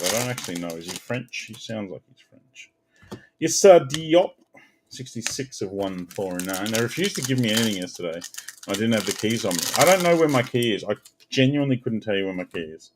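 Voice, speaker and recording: A man hosting a card break, chatting casually and bursting out loudly as he calls out the cards he pulls. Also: on the low side, fairly quick, slight background noise. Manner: animated, bursts out loudly calling card names. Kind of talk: casual live card-opening chat.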